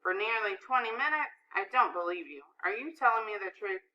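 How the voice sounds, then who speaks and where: A sharp, no-nonsense teacher, voiced by a woman narrating a storybook fires off brisk, sarcastic questions. The recording sounds dull and lo-fi. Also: mid-range voice, expressive, natural voice. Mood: stern. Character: sharp no-nonsense female schoolteacher.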